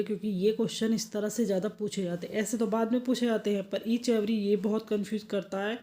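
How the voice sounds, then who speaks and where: A woman's voice: mid-range voice, warm tone. A woman teaching English in Hindi, telling a story about a student in a chatty way, with many fillers and repetitions. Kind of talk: casual Hindi lecture with an anecdote.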